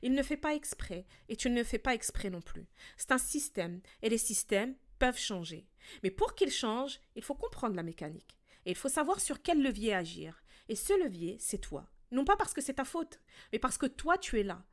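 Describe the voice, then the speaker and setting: A woman hosting a relationship podcast, talking calmly and directly to the listener as a coach in a scripted monologue. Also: on the high side, moderate pace.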